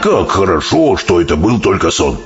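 A low, gravelly voice for a big kindly giant who fumbles words into strange inventions, as a man puts him on. Dull audiobook sound with faint music behind. Storybook telling. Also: big pitch swings, moderate pace. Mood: musing. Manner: mangles words into odd coinages.

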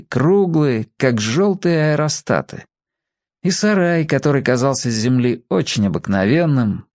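A man's voice: medium pitch, a little mellow, no room sound, clean studio sound. A man reading a children's story aloud, expressively giving each character a voice of their own.

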